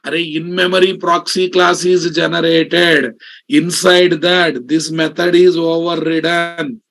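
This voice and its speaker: A man with a Telugu Indian accent and a fairly high, gravelly voice teaches programming in a live online class. He drives points home emphatically, repeating sentences and often asking whether students follow. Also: level tone, measured pace, a bit bright. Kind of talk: live online coding lesson.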